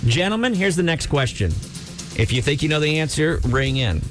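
A man's voice: fairly high pitch, animated, fairly quick, over music. A man hosting a call-in trivia game on the radio, loose and joking, tripping over his words as he runs it. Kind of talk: casual radio banter.

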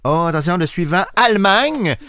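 A man with a Quebec French accent banters through a quiz, and his pitch swings widely and expressively. His voice is fairly high for a man. The sound is close and dry. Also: lively intonation, normal speed, sharp tone, no echo. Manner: jokey, swoops in pitch. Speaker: podcast co-host. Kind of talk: casual quiz chat.

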